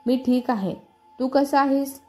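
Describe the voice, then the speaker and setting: Lady doing a sweet young friend from a storybook, calming, soft dark tone, music faint. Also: high-pitched, unhurried. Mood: soothing. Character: kind young woman friend, soothing.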